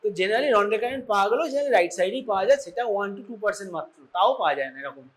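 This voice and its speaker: A man's voice: high-pitched, expressive, fast talker. A man with a Bengali accent giving an informal surgery lecture to medical students, often quizzing them and checking that they follow.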